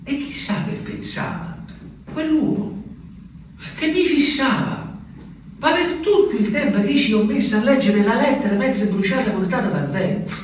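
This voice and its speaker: An actor portrays a rustic, agitated Abruzzese peasant recounting his journey in a theatrical monologue, his male voice very high-pitched and lively, his mood excited. He speaks haltingly and repetitively, swinging between murmurs and shouts. The stage recording is very echoey and distant, with faint noise.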